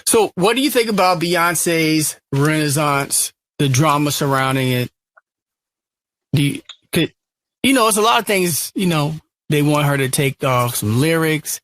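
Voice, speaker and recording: A man's voice: on the high side, lively intonation, measured pace, a bit bright, no room sound. A man co-hosting a casual chat podcast, arguing his point insistently. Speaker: podcast co-host.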